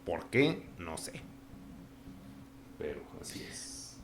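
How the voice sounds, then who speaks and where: A man's voice: low voice, sing-song, slow, slight background noise. A man with a northern Mexican accent chatting on a podcast, laughing often as he mimics phrases. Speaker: podcast guest. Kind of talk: casual chat.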